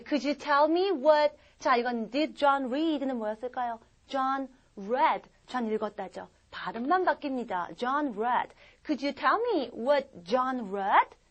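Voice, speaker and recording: High-voiced woman teaching English. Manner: lively, chatty, asks rhetorical questions. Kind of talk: online English lesson in Korean.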